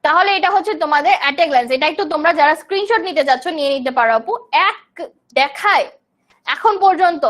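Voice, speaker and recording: Explaining grammar terms and responding to students' chat questions, a young Bangladeshi woman leads a live online class. She speaks fast and expressively, in a voice that sits high and sounds a bit bright.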